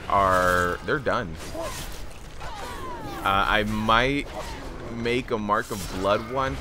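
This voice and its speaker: A man's voice: on the low side, background noise. A man casually commentating his live game stream, laughing and thanking chat as he plays. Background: game music.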